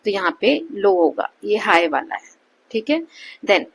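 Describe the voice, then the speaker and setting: A woman teacher explaining a textbook chapter, reading English lines slowly and then explaining them, often modeling rising and falling question intonation. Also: medium pitch, big pitch swings, gravelly, slightly rough. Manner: fillers and restarts.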